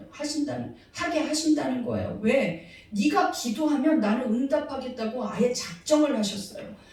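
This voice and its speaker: A woman's voice: sits high, darkish tone. Woman preaching in an echoing hall. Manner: earnest preaching with rhetorical questions to the congregation. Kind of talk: sermon. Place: church sanctuary. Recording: very echoey hall, mic far off.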